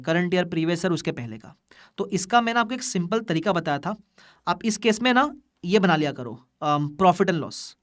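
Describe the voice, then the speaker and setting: A man teaching an accounting exam revision lecture, brisk, with rhetorical check questions and English terms mixed in. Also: sits high, a bit bright.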